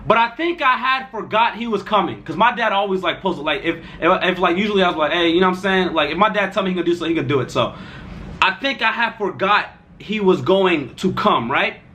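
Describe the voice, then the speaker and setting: High, bright-voiced young man telling a story. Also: lively intonation, quick pace, slight background noise. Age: young adult. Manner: rambling, loose slang-filled delivery. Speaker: storytime vlogger. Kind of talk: casual storytime.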